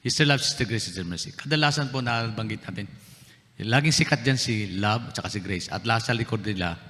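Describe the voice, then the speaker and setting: A man from the Philippines preaches to his congregation, his bright voice ringing with a long reverb through the church hall. He slips English phrases into his sermon and keeps asking his listeners questions. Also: on the low side, brisk. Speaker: pastor. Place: church sanctuary.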